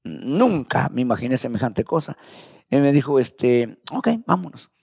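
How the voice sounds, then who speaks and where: Gravelly, husky-voiced preaching man. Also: medium pitch, expressive, a little slow, a little mellow, no room sound, studio quality. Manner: conversational storytelling, keeps addressing listeners as brother. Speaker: pastor. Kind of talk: testimony sermon.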